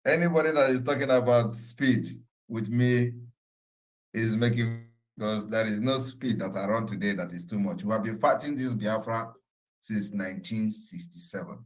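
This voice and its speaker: A man's voice: lowish voice, normal speed, rough recording. Emphatic man giving a political answer. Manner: emphatic, repetitive rhetorical phrasing. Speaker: political leader answering questions. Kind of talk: forceful political address.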